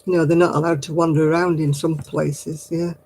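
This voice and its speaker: With a voice that sits low and a little mellow, she talks a little fast with little pitch movement. This older woman from Royton, Oldham, mixes Oldham and Manchester in her accent while chatting casually to live viewers and answering comments, rambling and chuckling a lot. The audio is poor, with a little hiss or hum.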